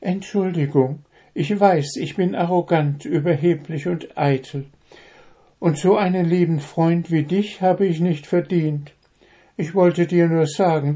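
A man's voice: a little high, measured pace, few pauses, dark tone, voice pushed up. A man reading a children's story, voicing a vain, haughty female dove with a raised voice. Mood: remorseful. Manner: lofty, scornful, then pleading.

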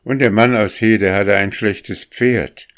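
A man calmly narrating a storybook as an audiobook. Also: lowish voice. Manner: calm, unhurried storytelling.

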